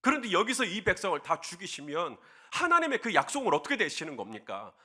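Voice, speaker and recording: Moses begs God earnestly in a string of urgent questions, acted out by a male preacher. The voice is fairly high and lively, with a bright, tense tone. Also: fast talker, breathy edge, heavily acted. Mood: pleading. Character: Moses, a man pleading with God. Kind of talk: sermon.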